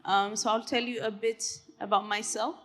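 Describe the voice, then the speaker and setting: A woman's voice: mid-range voice, flat delivery, moderate pace, fairly bright tone. A woman in her twenties from Ethiopia, a tech company CEO giving an earnest, conversational conference presentation with frequent fillers and tag questions. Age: 20s. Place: conference hall stage.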